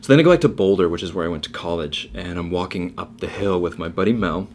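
A man's voice: low-pitched, fast talker, slight background noise. A young man co-hosting a casual podcast, telling a long story loosely with many fillers. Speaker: podcast co-host. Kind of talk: casual chat.

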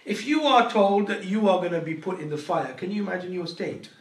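A man's voice: high voice, lively intonation, a little fast. A man giving a Quran lecture as a teacher, joking and telling stories with quoted dialogue. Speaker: Islamic teacher. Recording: echoey room, voice far from the mic.

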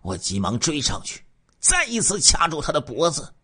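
Husky guy doing first-person crime storytelling, super expressive pitch, hushed then loud. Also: moderate pace. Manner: emotional, swings from hushed to loud.

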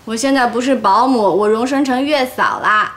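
An actress playing a spirited young woman in a city TV drama who is stuck minding a child and quick to bicker and scold. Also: a little high, heavy background noise, natural voice. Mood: teasing. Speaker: lead character in a TV drama. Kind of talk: TV drama acting.

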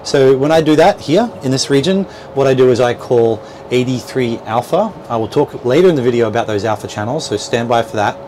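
Brisk and with few pauses, a medium-pitched male voice explains things hesitantly and with repeated words. The speaker is a boat dealer presenter in his thirties giving an informal how-to in a small marina boat cabin, recorded on a clip-on lapel mic over a steady background hum in the noisy space.

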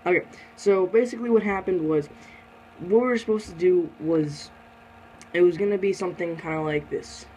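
Teen boy host rushing things along. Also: sits high, dark tone, a little hiss or hum, low-quality recording. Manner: hurried, steering the talk along. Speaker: channel host. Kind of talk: casual chat.

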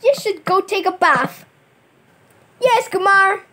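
A woman tells a toy play story in a very high voice. She takes her time, drawing out each line and filling the scenes with sing-song sound effects and little character voices. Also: lively intonation, takes it slowly, pushed and bright.

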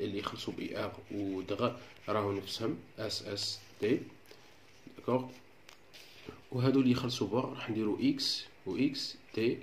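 A man with a fairly low voice and an Algerian Arabic accent explains a French grammar lesson. He goes step by step at a patient pace and keeps checking that his pupils follow. Faint room ambience sits behind him. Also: slight background noise. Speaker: teacher.

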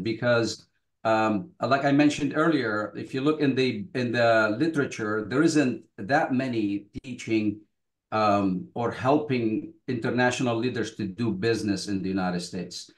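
An older man from Lebanon, a guest author on a video call panel, speaking earnestly with many halting restarts. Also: mid-range voice, echoey room.

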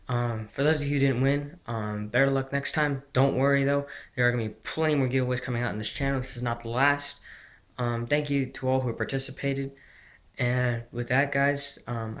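A teenage guy from New Jersey with an American accent hosts a fishing channel and announces a giveaway in casual vlog style. His medium-pitched, fairly bright voice speaks straight to viewers, calling them "guys."

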